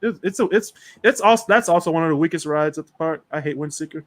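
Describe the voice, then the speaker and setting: A young man co-hosting a casual chat about rides, slangy and animated, breaking into mock screams. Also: a little high, fast talker, dry recording. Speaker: co-host.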